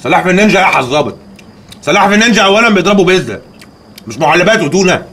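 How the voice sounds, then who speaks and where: An actor playing a blustering, tough-talking sidekick with an Egyptian accent. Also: male voice, high voice, lively intonation, rapid-fire, a bit bright, heavily acted. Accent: Egyptian Arabic. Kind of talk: TV sitcom acting.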